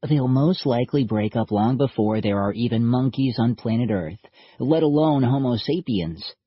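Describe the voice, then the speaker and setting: A husky-voiced man voicing a patient, slightly patronizing male scientist who explains things in a lecturing way. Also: mid-range voice, animated, moderate pace, no echo. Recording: dull lo-fi audiobook recording.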